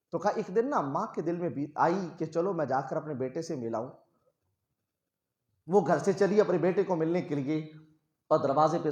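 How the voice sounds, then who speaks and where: Emphatic preacher. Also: male voice, a little high. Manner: emphatic, swells loud on key phrases. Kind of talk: Urdu sermon with storytelling. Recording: echoey room.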